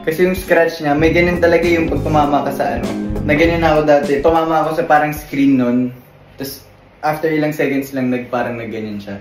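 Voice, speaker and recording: Teasing young man, high voice, roomy. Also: steady tone, a little fast. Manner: teasing, laughing. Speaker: vlogger. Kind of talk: casual banter. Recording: roomy, distant mic, loud music behind.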